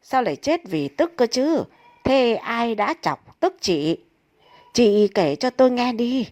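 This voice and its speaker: Give us a plaintive, weeping dead woman, put on by a woman narrator. She speaks in a raised, wavering pitch with lively swoops, pleading and dramatic. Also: slow pace.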